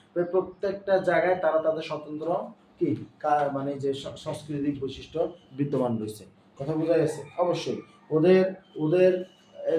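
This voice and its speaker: A Bangladeshi man teaching a passage to a class, going through it line by line and pausing often to check that his students follow. His voice sits a little high for a man and sounds far from the mic, in an echoey room with a faint hum of ambience behind him. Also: darkish tone. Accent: Bangladeshi Bengali. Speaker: English teacher. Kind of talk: classroom lesson explaining a passage.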